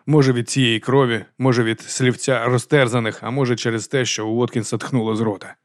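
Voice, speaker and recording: A man narrates a crime novel as an audiobook reader, steady and measured in his telling. His voice sits at an ordinary middle pitch for a man. The recording is dry and close, with no room sound. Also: dry recording. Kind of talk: scripted narration.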